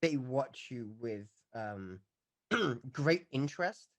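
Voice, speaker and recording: A man's voice: mid-range voice, animated, slow. A man narrating as dungeon master, giggly and hesitant with lots of fillers. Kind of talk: narrating a tabletop game.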